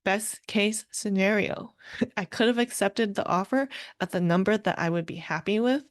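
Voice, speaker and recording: A woman's voice: medium pitch, moderate pace, no echo. Upbeat woman podcaster, dry close mic. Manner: upbeat, conversational, laughs often. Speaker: podcast host and life coach. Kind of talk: solo podcast, casual storytelling.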